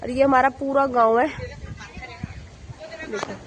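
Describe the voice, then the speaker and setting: A young woman vlogging on her phone from a windy village rooftop, her voice hoarse from shouting, chatty and wistful, repeating herself. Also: sits high, flat delivery, slow pace, low-quality recording. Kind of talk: casual vlog chat.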